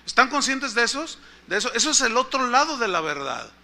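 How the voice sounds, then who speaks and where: A Mexican-accented pastor with a high, very bright, forceful voice. He preaches in a conversational storytelling style and often asks the congregation questions. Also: very animated, brisk, creaky. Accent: Mexican Spanish. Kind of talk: storytelling sermon.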